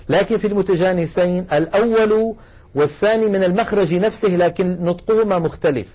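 A man teaching the rules of Quran recitation in a recorded lesson. He explains patiently, speaks to his listeners as brothers and slows right down to recite each example. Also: high-pitched, a little mellow, slightly rough.

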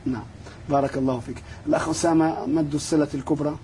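A man hosting and moderating a recitation lesson, courteous and brisk with quick affirmations. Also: on the high side, fairly even intonation, warm tone, slight background noise. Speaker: program host and moderator.

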